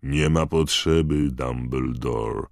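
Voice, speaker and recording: A man reading aloud, voicing a gruff, irritable old male wizard who growls and wheezes. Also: extremely low pitch, slow pace, no room sound, clean studio sound, full character voice.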